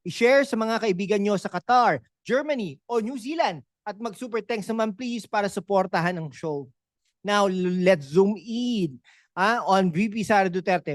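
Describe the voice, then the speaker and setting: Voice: mid-range voice, no echo, studio quality. A host with a Filipino accent giving political commentary on a vlog, sarcastic and full of rhetorical questions and tag questions. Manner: conversational, with frequent tag questions.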